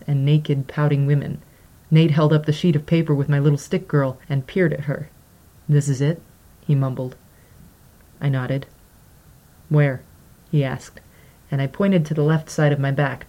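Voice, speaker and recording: Low-voiced woman reading a memoir. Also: warm tone. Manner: measured, reflective storytelling. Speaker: memoir reader. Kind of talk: first-person memoir reading.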